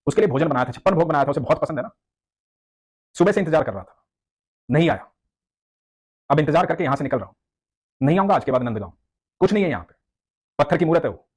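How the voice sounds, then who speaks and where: A man's voice: mid-range voice, steady tone, very fast, few pauses, husky, lightly acted. A man voicing a hurt, resentful old male hermit devotee in a storybook tale. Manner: resentful, complaining.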